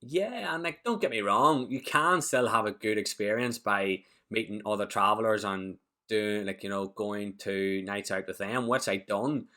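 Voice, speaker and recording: A young Irish man chatting easily as a podcast guest, relaxed and quick to laugh. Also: lowish voice. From Ireland. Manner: relaxed, easygoing, laughs often. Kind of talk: casual interview chat.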